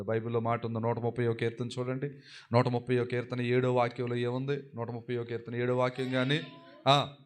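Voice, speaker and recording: A man pastor delivering a lively sermon, pressing the congregation to answer him back. His voice swings from soft, low asides up to loud, high, ringing declarations, and he repeats phrases for emphasis. He sometimes acts out the everyday prayers of ordinary people. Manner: exhorting, calls for replies from the congregation.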